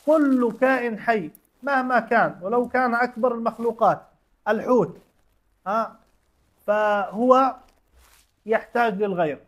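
A man's voice: very high-pitched, moderate pace, long pauses, fairly bright tone. A man teaching a religion class, explaining step by step with everyday examples and quizzing his students with short questions. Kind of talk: classroom lesson.

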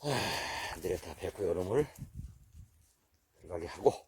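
A middle-aged man, chatting casually to the camera outdoors about his dogs. He speaks in plain, rambling talk and drops to low mutters for his asides. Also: animated, normal speed, breathy edge. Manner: calls dogs loudly and high, then mutters low asides. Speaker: vlogger caring for dogs in the mountains. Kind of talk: casual running commentary to camera. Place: outdoors, windy. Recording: faint wind noise outdoors.

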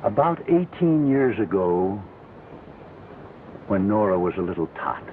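An old blind marksman from a 1930s western, earnest and resolved. His voice is low and swings widely as he speaks slowly and deliberately. It comes through an old, tinny film soundtrack. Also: big pitch swings, slight background noise. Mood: confiding.

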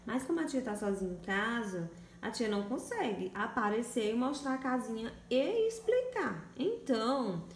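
Lively, sing-song Brazilian woman teacher. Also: a little high, roomy sound. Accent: Brazilian Portuguese. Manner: sing-song, coaxing teacher voice with drawn-out letter sounds. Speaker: primary school teacher. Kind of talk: recorded phonics lesson for children. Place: home room. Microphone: phone or home camera, voice only.

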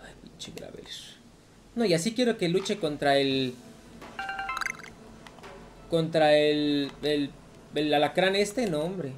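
A woman's voice: low-pitched, soft background music. Ranting Mexican woman gaming streamer. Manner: profane, quick, repeats herself, ranty. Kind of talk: casual gameplay commentary.

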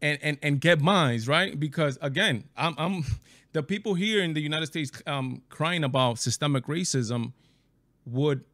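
A middle-aged man from the Dominican Republic, talking over a video call in a halting, emphatic way with many restarts, on a headset mic in a small room. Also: a little high, a bit bright, dry recording, clean studio sound. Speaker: show host. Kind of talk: casual debate on a video call. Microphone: headset and studio mic.

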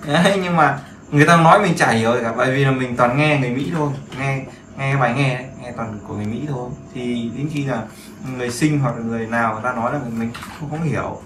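A man gives a relaxed beginner lesson, repeating words and phrases and asking his students to agree. His voice sits at an ordinary pitch. The room is echoey, with a faint hum of background noise. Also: fast. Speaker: English teacher. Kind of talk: casual screen-share lesson.

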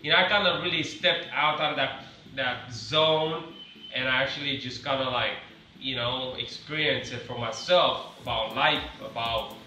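A man's voice: mid-range voice, a little slow, bright, forceful tone, slight background noise. A man, talking casually and reflectively with many fillers, recorded in a large home garage by a camera some distance away. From Romania. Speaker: car-building vlogger. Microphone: camera set some distance away on a ladder. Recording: echoey garage from far off.

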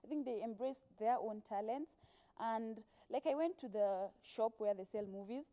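Wearing a lapel mic on a TV studio sofa, this twenty-something actress with a Kenyan accent chats as an interview guest. Her voice sits on the high side, warm and moderately paced, as she recounts stories using quoted speech.

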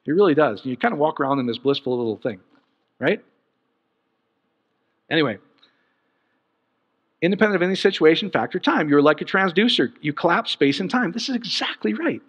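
Animated joking male preacher in a hall. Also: fairly high pitch, fairly quick, pauses often, husky. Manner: animated, joking, bursts into laughter. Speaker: pastor. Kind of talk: sermon. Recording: dull sound in a long-reverb hall.

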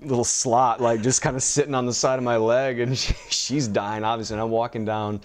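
A man's voice: medium pitch, fairly even intonation, fairly quick. A man hosting a podcast, telling funny stories in casual chat, laughing often. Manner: joking, storytelling, laughs often. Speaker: podcast host.

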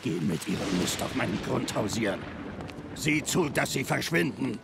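A man's voice: sits low, fairly quick, creaky, loud music behind the voice. An actor playing a bitter, domineering old man in a video game, with a stern and contemptuous manner. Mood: furious. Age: older. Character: cold, bitter, domineering old patriarch with underworld past. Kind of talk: dramatic video game acting, German dub.

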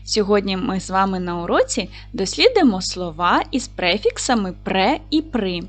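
A woman teaching an online lesson to young children, speaking clearly and stretching out words as she spells them. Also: medium pitch, sing-song, moderate pace. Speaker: primary school teacher.

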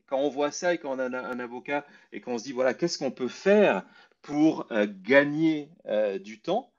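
A man hosting a live political talk show, explaining in a halting way and often repeating words. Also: medium pitch. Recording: slightly dull, lo-fi audio.

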